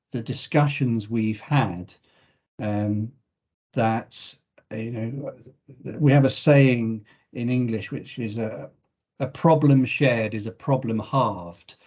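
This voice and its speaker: A man's voice: medium pitch, slow pace, darkish tone. Man speaking reflectively over a dull call line. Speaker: chief executive of the host institute. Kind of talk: webinar closing remarks. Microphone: video call.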